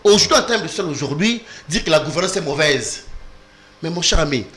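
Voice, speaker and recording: A man's voice: fairly high pitch, lively intonation, a little fast, a bit bright. A man on a televised political debate panel, defending his side insistently and talking over the others. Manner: insistent, talks over others, repeats "s'il vous plaît".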